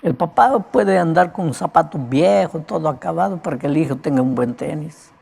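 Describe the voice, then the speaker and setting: A male evangelist preaching a sermon in a cracked, broken voice, talking conversationally and often turning to his listeners with a quick "right?". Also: on the high side, expressive, vocal fry, a little mellow, slightly rough. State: prone to coughing.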